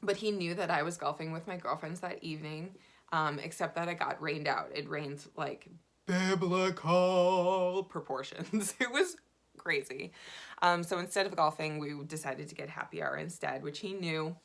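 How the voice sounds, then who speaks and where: A woman vlogger telling a dating story in a chatty, animated way, full of fillers. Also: deep voice, moderate pace, gravelly. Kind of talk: casual dating storytelling to camera.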